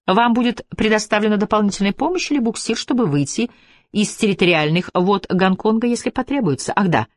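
A man's voice: high-pitched, a little fast, no echo, voice pushed up, natural voice. Man reading a scheming polite police officer, audiobook, falsely courteous, dry close sound.

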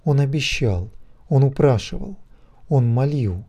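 A man narrating a dark fantasy audiobook in a measured, rhythmic storytelling manner. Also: mid-range voice, expressive, slightly rough.

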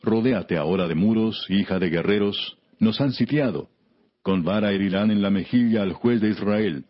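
A man narrating scripture as a scripted reading, in a solemn, measured, declamatory biblical manner, on a dull recording. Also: lowish voice. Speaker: Bible narrator.

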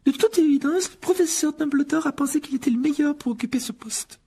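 Storybook bright schoolgirl, high and earnest, read by a man. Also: fairly quick. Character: earnest, studious schoolgirl, know-it-all.

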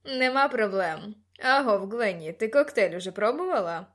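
A rowdy teenage boy with a slightly lowered voice, shouting and teasing with crude humor, as a woman puts him on. His delivery is boisterous and pushy, the voice of a storybook party clown. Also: lively intonation, normal speed.

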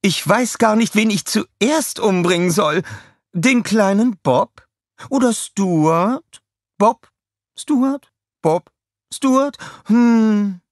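Narrator putting on a gloating storybook villainess, high pitched, slow cruel taunts, dry sound. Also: male voice, expressive, no room sound, heavily acted. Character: scheming villainess, theatrical and cruel.

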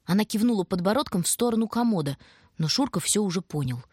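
Husky woman narrating a storybook. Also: mid-range voice, expressive, quick pace, dark tone, no room sound, studio quality. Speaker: audiobook narrator. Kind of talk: scripted narration.

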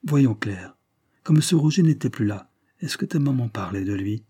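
A man's voice: medium pitch, animated, moderate pace, dark tone, husky, dry recording, clean studio sound. A man reading a short story, voicing an anxious, jealous wife who questions a child in a trembling voice. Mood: anxious probing. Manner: hesitant, probing questions in a trembling voice. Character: anxious jealous woman, middle-aged wife.

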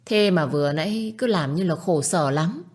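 A woman's voice: lowish voice, expressive, moderate pace, darkish tone, breathy edge. A woman voicing a spiteful middle-aged stepmother who screeches insults and taunts. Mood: scolding.

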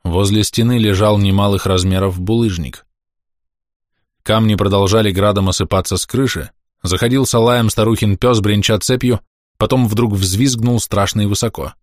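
Low-voiced male audiobook narrator. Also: steady tone, moderate pace, no echo, clean studio sound.

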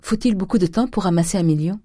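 Naive young daughter, earnest and wondering, voiced by a woman narrator; higher, soft. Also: quick pace, dry recording, clean studio sound, close to an everyday voice. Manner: wondering, pleading questions. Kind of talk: audiobook character reading.

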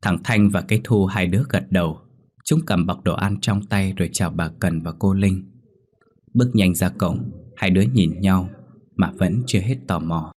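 A man narrating a ghost story in a steady, somber manner. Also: deep voice, moderate pace, slightly rough. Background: faint music.

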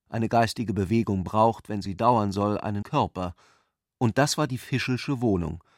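A man narrating a radio drama in an even, composed storytelling manner. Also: lowish voice, no room sound, clean studio sound.

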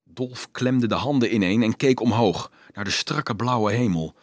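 A man reading a novel aloud as a dramatic, expressive audiobook narrator. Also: medium pitch, measured pace, dry recording, studio quality. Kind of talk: scripted narration.

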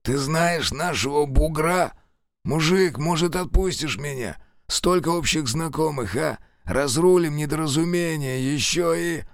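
A man's voice: a little high, measured pace, vocal fry, dry recording, studio quality, pitched above the performer's own voice. A man voicing a wounded, foul-mouthed middle-aged ex-convict who snaps defiantly at his captors. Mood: sullen. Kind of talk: audiobook character voice.

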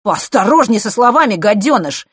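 A woman's voice: low-pitched, moderate pace, slightly rough, no echo, studio quality. A woman voicing an arrogant teenage boy who talks down to others and makes threats. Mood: scornful. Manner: condescending, threatening.

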